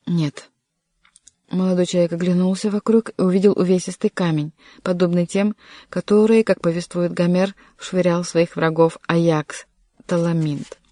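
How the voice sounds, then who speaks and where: Mellow measured audiobook narrator. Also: medium pitch, steady tone, no echo, clean studio sound. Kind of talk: scripted narration.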